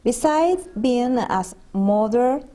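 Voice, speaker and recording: Woman from venezuela asking questions in english, spanish first language, soft mellow voice, kinda halting. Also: a little high, animated, slight background noise. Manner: hesitant, halting questions with restarts. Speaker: interviewer. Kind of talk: unscripted interview questions.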